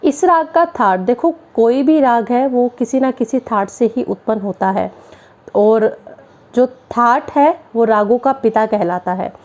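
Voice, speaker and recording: A woman's voice: a little high, unhurried, darkish tone, highs cut off. A woman from Haryana, India, a music teacher giving a classroom-style music theory lesson, explaining each term step by step with simple definitions.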